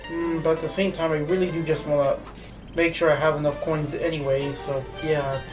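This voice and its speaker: Brief: male streamer, slightly high voice, casual rambling live-play commentary. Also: level tone, normal speed, music in the background. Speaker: game streamer. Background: game audio.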